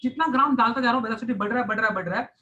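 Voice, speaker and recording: Teaching an online science class in Hindi sprinkled with English terms, a man walks through the material step by step and repeats key phrases. His voice is very high, sharp and rapid-fire, and the sound is lo-fi.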